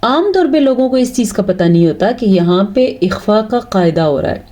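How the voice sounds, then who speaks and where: A woman teaching Quran recitation rules, explaining patiently step by step and chanting the examples slowly and drawn out. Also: mid-range voice, lively intonation, dark tone. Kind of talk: tajweed lesson with slow recited examples.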